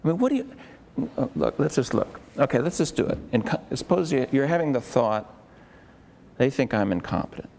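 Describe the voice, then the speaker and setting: A man working as a therapist in a live demonstration before a group, coaching a client with quick probing questions and repeated words. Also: fairly high pitch, sing-song, vocal fry, a little mellow, slight background noise. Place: room with an onlooking group.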